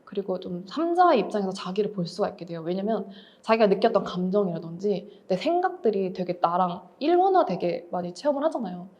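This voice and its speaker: A woman in her thirties speaks quickly and candidly, walking listeners through her thoughts with everyday examples. Her voice is warm and relaxed, not bright. She has the reflective manner of a writing teacher giving a talk. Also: medium pitch, highs cut off. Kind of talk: lecture talk.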